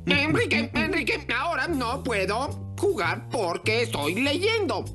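Una mujer que dobla a un muñeco adulto serio, quisquilloso y fácil de exasperar. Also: female voice, sits high, sing-song, a little slow, exaggerated voice. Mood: fussy. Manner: exasperated, fussy. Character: fussy serious puppet man, easily flustered. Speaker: dubbed puppet character. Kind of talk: children's TV dub. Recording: loud music underneath.

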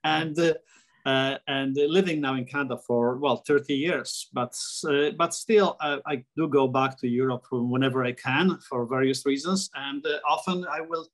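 A middle-aged Polish architect and sketcher, speaking with a Polish accent in a mid-range, fairly bright voice at a moderate pace, is a guest in a video call interview. He restarts often and uses many fillers. He's in a small room at home with framed pictures on the wall, picked up by a laptop webcam mic.

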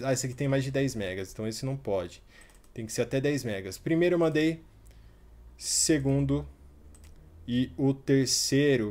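Clicking his way through a website, a tutorial host in his 30s walks viewers through some software in a casual manner. His voice is mid-range, and fillers pop up often in his speech.

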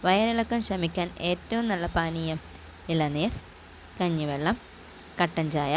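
A woman reading general-knowledge quiz questions and their answer options in a measured, list-like way. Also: fairly low pitch, steady tone, a little hiss or hum. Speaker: quiz presenter.

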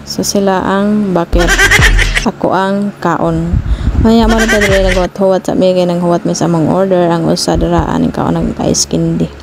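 A chatty woman in her thirties with a Cebuano accent, filming a family vlog on a phone held at arm's length. Her low voice has a gravelly edge, and she laughs easily. A lot of loud outdoor noise from a seaside barbecue spot at night sits under her voice. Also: little pitch movement, normal speed. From Philippines. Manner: chatty, laughs often, mixes English phrases. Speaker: family vlogger. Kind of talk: casual vlog narration.

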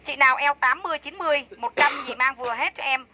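A woman's voice: high voice, quick pace, sharp tone, poor audio. A woman selling clothes on a livestream, chatty and enthusiastic, repeating prices over and over. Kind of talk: fast live-sale patter.

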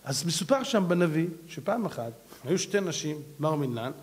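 A man, a rabbi, giving an animated, exhorting sermon and telling stories. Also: a little high. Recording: long hall reverb.

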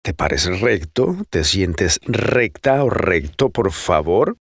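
A man's voice: low voice, slow pace, creaky, breathy edge, dry recording, clean studio sound. Congested man teaching voice technique. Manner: animated, demonstrates voice techniques. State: congested with a cold. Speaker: voice coach podcaster. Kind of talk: casual instructional podcast. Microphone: close studio microphone.

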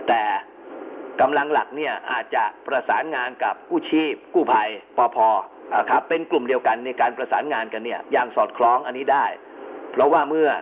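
Man lecturing over a two-way radio. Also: mid-range voice. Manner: measured, polite, with frequent hesitation sounds. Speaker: amateur radio instructor. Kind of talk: explanatory lecture. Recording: narrow radio-band sound with faint hiss.

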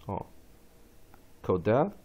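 A man with a Taiwanese Mandarin accent teaching English phonics, who drills syllables slowly and repeats each word many times. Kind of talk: phonics lesson. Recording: dull lo-fi recording.

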